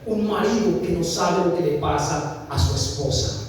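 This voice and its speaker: A man's voice: a little high, normal speed. A man from Colombia preaching a sermon to his congregation, addressing them directly with frequent hesitations and repeated phrases. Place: church. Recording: echoey church hall, distant mic, faint noise.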